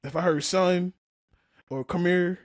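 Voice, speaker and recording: A man co-hosting a casual podcast chat, telling stories in animated, slang-heavy talk. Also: high-pitched, a little slow. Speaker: podcast co-host.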